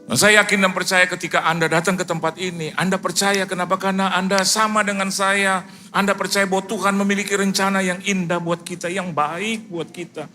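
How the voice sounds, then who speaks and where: A middle-aged Indonesian man preaching a sermon, animated, acting out dialogue in lively quoted voices. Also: high-pitched, brisk, faint music behind. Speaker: pastor. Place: church service.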